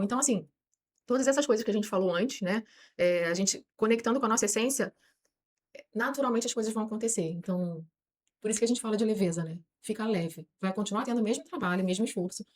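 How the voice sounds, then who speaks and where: Brazilian woman guest on a podcast, talks super fast, acts out people's thoughts. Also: medium pitch. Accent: Brazilian Portuguese. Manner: lively, voices imagined people's thoughts. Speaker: guest on self-knowledge podcast. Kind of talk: explanatory podcast talk.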